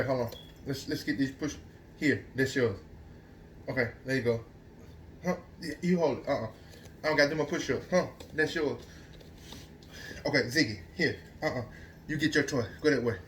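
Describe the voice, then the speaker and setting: A man's voice: mid-range voice, moderate pace, long pauses, a bit bright, a little hiss or hum. An American man chatting casually to his child and dog at home, coaxing repeatedly in an exasperated way. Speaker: parent filming a home video. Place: indoors at home.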